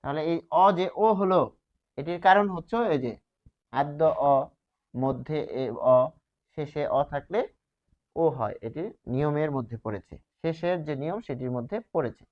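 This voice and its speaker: A man's voice: a little high, moderate pace. Man teaching grammar in a lo-fi recording. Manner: explains step by step, asks and answers his own questions. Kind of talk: grammar lesson at a whiteboard. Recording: slightly dull, lo-fi sound.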